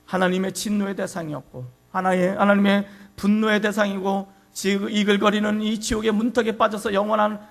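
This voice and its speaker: A man preaching with a high, gravelly voice, telling a story with dramatic rises in intensity. A low mains hum sits under the recording. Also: little pitch movement, brisk, few pauses. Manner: dramatic storytelling, shouting quoted lines. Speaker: pastor. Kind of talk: sermon.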